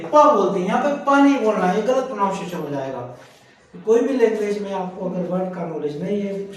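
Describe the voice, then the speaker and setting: A man's voice: high-pitched, a little mellow, slight background noise. A man teaching an English grammar lesson. He spells words out letter by letter, repeats them, and asks the class questions that he answers himself. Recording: very echoey room heard from a distance.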